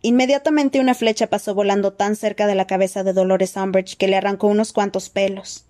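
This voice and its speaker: A woman reading a fantasy novel aloud with dramatic, expressive storytelling. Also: medium pitch. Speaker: audiobook reader. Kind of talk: expressive audiobook narration.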